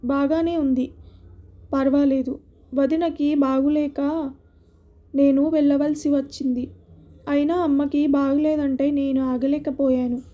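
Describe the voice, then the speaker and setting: Outspoken caring friend, middle-aged woman, high voice, mellow, audio story, a woman reading her lines. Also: level tone, a little slow, pauses often. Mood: chatty. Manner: teasing, then scolding.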